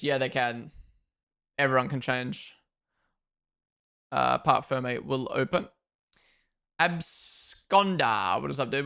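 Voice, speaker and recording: Chatty gravelly young man streaming commentary. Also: medium pitch, pushed and bright. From Australia and New Zealand. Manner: chatty, opinionated, talks to chat. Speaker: streamer hosting a race watchalong. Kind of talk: casual live commentary.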